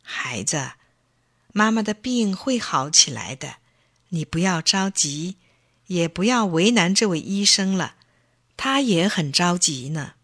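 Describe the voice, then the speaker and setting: A woman voicing a gentle, ill mother in a children's story, speaking softly and soothingly. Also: medium pitch, animated, unhurried. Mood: tender. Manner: soft, quiet comforting.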